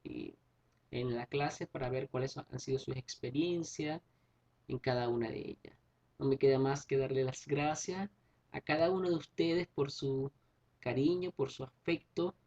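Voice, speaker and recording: A male teacher talks through a class lesson in a husky, slightly rough voice. He explains patiently, circles back to rephrase his points and checks in with his students. The recording sounds dull and lo-fi. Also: medium pitch, fairly even intonation, unhurried, warm tone. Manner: explains patiently, repeats and rephrases, tag questions.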